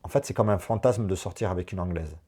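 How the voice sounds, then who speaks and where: A man coaching a woman through a personal session, animated and encouraging, talking in quick bursts. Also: sits low, slightly rough. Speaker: enneagram coach.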